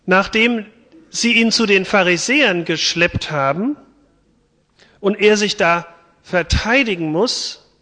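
Man preaching slowly in a reverberant church. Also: high-pitched. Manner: retells scripture in a chatty, lively way. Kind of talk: sermon with Bible reading.

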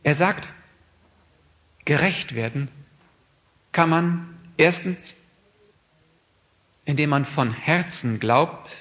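A man delivering a sermon in an earnest, searching way. He asks his listeners question after question, dropping to a soft reflective tone and then rising to loud, emphatic appeals. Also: fairly high pitch, drawn-out words, pauses often. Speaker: preacher.

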